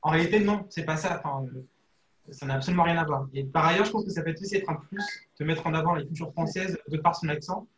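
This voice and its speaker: Man, French accent, frank and informal, panel guest, video call, slightly high pitch, echoey room. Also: fast talker, fairly bright tone, lo-fi sound, a little hiss or hum. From France. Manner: frank, informal, casual phrasing. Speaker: alumnus guest.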